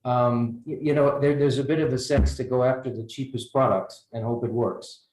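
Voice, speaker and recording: Thinking aloud on a panel, a man from the United States keeps restarting sentences and repeating words. He talks at normal speed in a steady, medium-pitched, darkish tone, captured with roomy echo.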